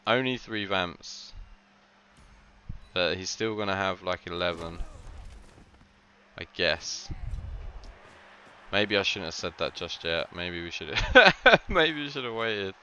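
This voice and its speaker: A man's voice: deep voice, expressive, slow pace, long pauses, sharp tone, highs cut off, slight background noise. A man giving casual commentary on a game match, rambling with lots of filler words and frequent laughs.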